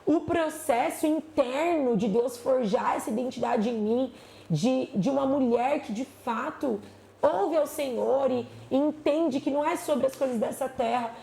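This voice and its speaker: High, gravelly woman telling stories. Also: unhurried. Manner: animated storytelling, acts out quoted voices. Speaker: pastor and psychologist guest. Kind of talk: casual podcast chat. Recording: echoey room with faint noise.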